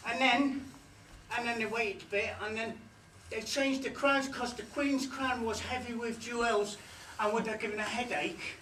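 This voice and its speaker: An actor playing an eager young schoolboy who stammers and strings everything together with "and then". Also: male voice, very high-pitched, steady tone, normal speed, bright, forceful tone. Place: theatre stage, dress rehearsal. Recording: roomy stage, far from mic, noisy.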